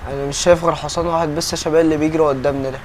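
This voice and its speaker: Fast-talking Egyptian gamer guy. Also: a little high, fairly even intonation, darkish tone, a little hiss or hum. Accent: Egyptian Arabic. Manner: chatty, keeps calling out to the viewers. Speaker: gaming YouTuber. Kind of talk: casual gameplay commentary.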